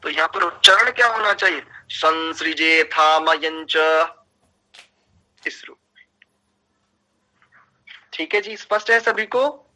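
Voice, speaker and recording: A man teaching Sanskrit pronunciation in an online class, slowly drawing out syllables and chanting verses. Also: high-pitched, sharp tone, rough recording. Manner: slow, deliberate, drawn-out chanting of syllables. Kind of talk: online class lecture with mantra recitation.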